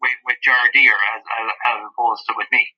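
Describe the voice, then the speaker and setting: A journalist, a man, speaking over the phone as he defends his reporting, often repeating words haltingly. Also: mid-range voice, little pitch movement, breathy edge. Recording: muffled, tinny recorded phone call.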